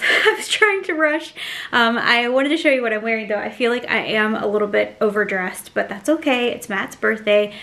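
A woman's voice: mid-range voice, vocal fry, fairly bright tone. A woman in her thirties, a lifestyle vlogger, talking to a handheld phone camera in a chatty, upbeat way with frequent laughs. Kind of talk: casual vlog talk to camera.

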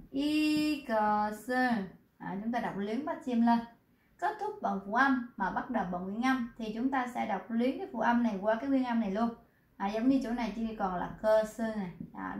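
A woman teacher, pitched a little high, guiding a class with patient questions. She repeats words slowly so students can follow. The room around her rings with echo. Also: a little mellow. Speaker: Korean language teacher. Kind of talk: online class explanation.

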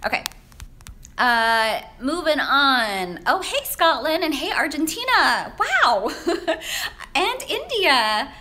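Speaking slowly with a very animated, bright, forceful tone, this young Vietnamese-native woman hosts a casual live Q&A as a menswear stylist. Chatty and upbeat, she laughs a lot and fills her speech with fillers. The shaky footage comes from a handheld phone at arm's length in an indoor high-rise office lined with large windows.

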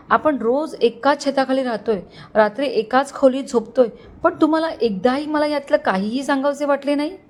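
A woman's voice: high-pitched, darkish tone, pitched above the performer's own voice, natural voice. A woman voicing a hurt young wife.

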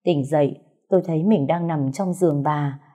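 A woman narrating a first-person story in a calm, somber, steady way. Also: low voice, moderate pace, breathy edge.

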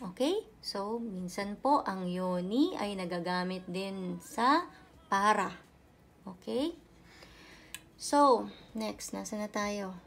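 A woman's voice: medium pitch, vocal fry. A woman teaching a language lesson. She politely and patiently repeats each example sentence and keeps checking that listeners follow. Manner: polite and patient, uses respectful "po". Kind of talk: explaining grammar in a lesson.

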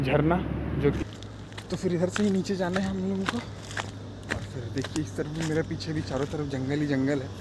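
A young man, vlogging outdoors in a forest by a waterfall and joking with friends on a handheld phone. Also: a little high. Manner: chatty, joking, teasing friends. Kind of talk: casual travel vlog narration and banter with friends. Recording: loud outdoor noise by a waterfall.

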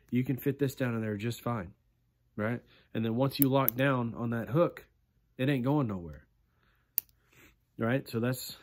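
A man in his thirties walks through his fishing tools in a laid-back, chatty way, close to a phone camera. He often tags his lines with "right?" and "okay". His voice sits at an ordinary middle pitch, and the small indoor room around him is quiet. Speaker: fishing channel host. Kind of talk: casual gear walkthrough.

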